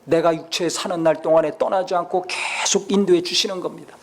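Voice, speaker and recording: A man's voice: high voice, steady tone, a little fast. A male pastor preaching a sermon, full of rhetorical questions and acted-out scenes.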